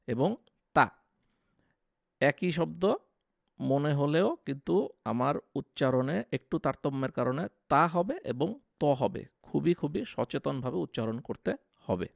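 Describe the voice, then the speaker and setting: A man gives a tajweed lesson in a patient, explanatory way, stretching the letters out slowly when he demonstrates them. His voice has a slightly gravelly edge. It is recorded close and dry, with no room sound. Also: fairly high pitch, lively intonation, dry recording. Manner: slow, drawn-out demonstrations of Arabic letters. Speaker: Quran recitation teacher.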